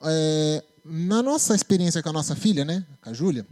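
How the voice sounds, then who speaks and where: Brazilian male preacher, lively conversational sermon, fairly high voice, frequent tag questions. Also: moderate pace. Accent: Brazilian Portuguese. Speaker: preacher and psychologist. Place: church.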